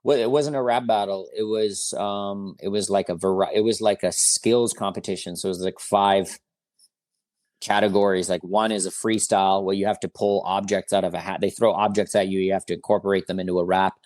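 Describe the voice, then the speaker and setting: This rapper, a man in his forties whose first language is German or Italian, is a guest in a casual interview. His low, darkish voice moves fairly quickly with fairly even intonation, and there's no room sound. He rambles easily, packing in fillers, slang, "bro" and "you know what I mean."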